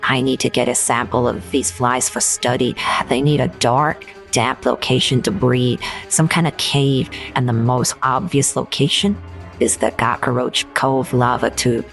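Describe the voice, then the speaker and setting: Brash, impatient woman professor in her forties; low-pitched and blunt, drama. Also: fairly even intonation, measured pace, gravelly, faint music behind, heavily acted. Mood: matter-of-fact. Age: 40s. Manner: blunt, impatient, swears casually.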